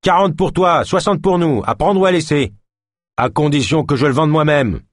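A man's voice: a little high, normal speed, dry recording, studio quality, pitched above the performer's own voice, lightly acted. A man doing a cocky young gang bruiser. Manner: taunting, swaggering. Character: burly young male street gang tough, cocky.

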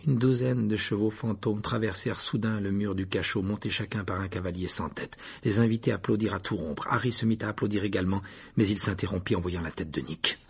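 Raspy, gravelly male storyteller. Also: fairly low pitch, a little fast. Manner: expressive, varied delivery. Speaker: audiobook narrator. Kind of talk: storybook reading with character voices.

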